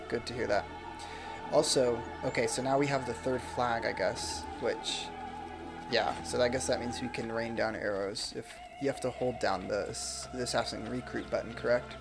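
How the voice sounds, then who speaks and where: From a room at home, a young adult man streams a game into a desk microphone, chatting casually and reading viewer comments aloud in a soft, self-deprecating way. His voice is medium-pitched and gravelly, with game music playing behind him.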